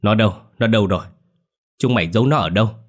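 A man's voice: deep voice, a little fast. A man voicing a ravenous, foul-mouthed old grandmother who snarls and shrieks curses. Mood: furious.

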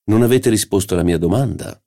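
A man's voice: sits low, animated, moderate pace, mellow, pitched above the performer's own voice. A man voicing a pedantic, dogmatic doctor who lectures and teases his sleepy wife in an audiobook. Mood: lecturing. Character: pedantic dogmatic male doctor, teasing husband. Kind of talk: audiobook character voice.

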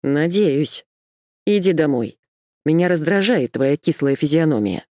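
A woman's voice: sits low, lively intonation, unhurried, a little mellow, dry recording, studio quality. A woman reading an audiobook and voicing a curt, irritable man.

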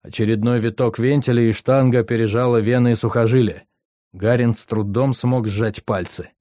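A man narrates an audiobook in a steady, even voice of middle pitch. The recording is dry and close, with no room sound around the voice. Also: normal speed, dry recording. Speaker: audiobook reader.

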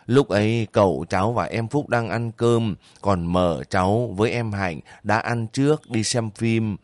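A man's voice: lowish voice, unhurried, dry recording, natural voice. A man voicing a kindly older village woman who pleads and sobs over her nephew in a spoken story. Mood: pleading. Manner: pleading, sobbing, fussing.

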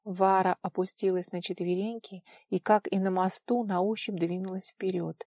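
A woman narrating a fantasy audiobook in an expressive storytelling manner. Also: mid-range voice, normal speed, dry recording, studio quality.

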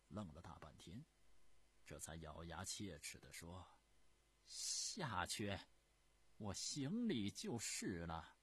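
Slow, low-voiced dramatic male storyteller. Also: slightly rough. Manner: dramatic, expressive telling. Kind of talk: traditional Chinese storytelling broadcast.

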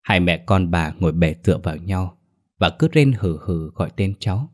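A man narrating a ghost story in a steady, dramatic telling. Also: low voice, normal speed.

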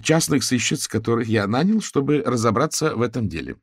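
A man's voice: medium pitch, lively intonation, fairly quick, husky, no echo, studio quality, voice pushed up. A man voicing an anxious man under pressure who speaks formally in an audiobook.

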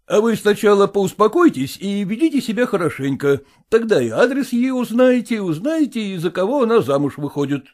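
A man voicing a smug, old-fashioned merchant who speaks in an obsequious, drawn-out way. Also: sits high, sing-song, a little mellow, voice pushed up. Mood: placating. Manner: obsequious, drawn-out, adding a polite "-s".

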